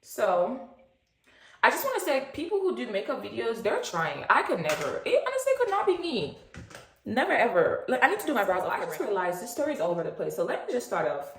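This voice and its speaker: A woman's voice: a little high, wildly swooping pitch, brisk, background noise. A woman in her twenties from Nigeria, vlogging in a rambling, chatty way with lots of fillers and asides. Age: 20s. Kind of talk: casual chat, get-to-know-me story. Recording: echoey room.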